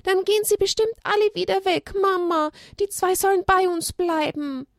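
A woman's voice: measured pace, no echo, clean studio sound. A woman doing an eager little girl's voice. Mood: pleading. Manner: high, bright childlike voice. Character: little girl, lively and eager. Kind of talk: storybook reading.

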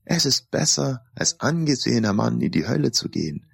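A man's voice: mid-range voice, big pitch swings, moderate pace, creaky, breathy edge, pitched above the performer's own voice, exaggerated voice. A man voicing a scornful, manipulative talking mask in an audiobook, taunting and threatening. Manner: taunting, then dark and threatening. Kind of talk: audiobook character voice.

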